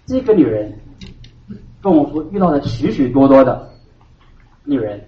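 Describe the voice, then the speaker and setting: A male pastor delivers a sermon with a lively, rising-and-falling pitch. He hammers key words, then sinks into hushed asides. He is heard from a distance in a roomy hall, through a dull, lo-fi recording. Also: normal speed. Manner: emphatic preaching, swinging between loud stresses and hushed asides.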